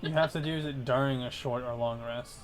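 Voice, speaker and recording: A man's voice: mid-range voice, steady tone, fairly quick, faint music behind. A man acting as game master, narrating scenes and putting questions to players in a tabletop role-playing game.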